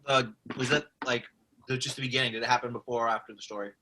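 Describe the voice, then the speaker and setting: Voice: mid-range voice, fairly even intonation, bright, forceful tone, a little hiss or hum, rough recording. A teenager on a video call, joking and teasing friends in casual chat. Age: teens. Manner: fast, teasing, jokey.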